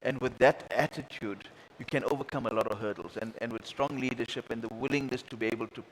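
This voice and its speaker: A man's voice: mid-range voice, fairly even intonation, fast, slight background noise, rough recording. A man moderating a panel dialogue, gracious and formal, with frequent stammered restarts. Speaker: moderator, host.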